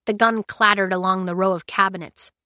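Audiobook narrator: woman, medium pitch, measured and steady, dead-dry booth sound. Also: no room sound.

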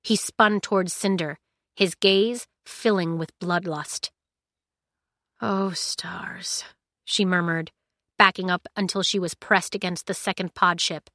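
A woman narrating an audiobook in a measured, steady storytelling manner, recorded close to a studio mic. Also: lowish voice, dry recording.

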